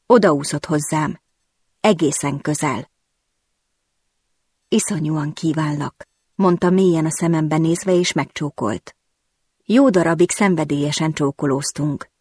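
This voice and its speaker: A woman reading a first-person romance audiobook in an intimate, expressive storytelling manner, recorded on a close studio mic. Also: low-pitched, husky, no room sound. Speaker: audiobook narrator.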